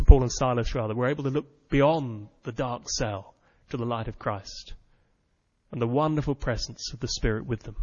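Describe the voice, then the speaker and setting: A man preaching a sermon with earnest, dramatic storytelling. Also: mid-range voice. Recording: muffled sound with long hall reverb.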